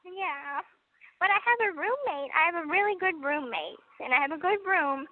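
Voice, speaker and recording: A woman's voice: very high voice, expressive, normal speed. A young woman calling from prison, chatting casually and giggling, with lots of "like" and "um". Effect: prison phone line. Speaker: inmate on a phone call. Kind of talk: casual phone chat. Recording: tinny phone line with faint noise.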